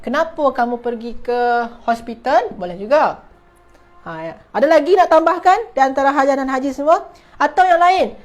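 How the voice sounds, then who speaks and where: A woman with a Malaysian Malay accent teaching an Arabic class online, saying example phrases slowly and repeating them while quizzing her students. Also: sits high, lively intonation, faint music behind.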